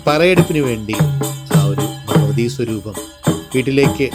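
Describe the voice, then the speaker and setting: A man from Kerala with a Kerala accent narrates a descriptive vlog in a reflective, measured way, phrase by phrase. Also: mid-range voice, lively intonation. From Palakkad district, Kerala, India. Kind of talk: descriptive vlog narration of local temple customs. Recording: voice-over with music behind. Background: music.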